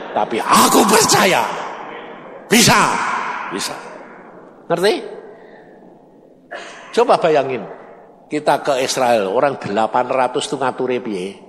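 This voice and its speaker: A man in his seventies with a Javanese accent preaching a storytelling sermon, dropping to low asides and then rising to shouted declarations. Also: in a large hall, slight background noise. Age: 70s.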